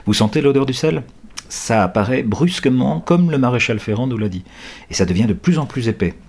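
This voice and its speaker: A man's voice: medium pitch, lively intonation, fairly quick, darkish tone, husky, voice pushed up. A man voicing a bold, firm young girl. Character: bold, practical girl, steady and brave.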